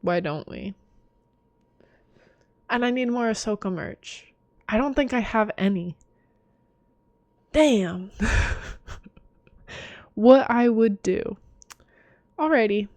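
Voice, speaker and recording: A woman's voice: fairly high pitch, takes it slowly, pauses often, darkish tone, dry recording. A tired young woman chatting casually through a quiz, giggly and self-mocking. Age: young adult. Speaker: vlogger. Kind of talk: casual chat doing a quiz.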